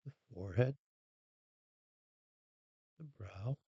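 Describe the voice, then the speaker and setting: This deep, gravelly, husky voice belongs to a meditation guide who moves through short phrases with long silences in between, calm and very slow. It's a scripted, unhurried relaxation session, recorded dry with no echo and a slightly dull quality.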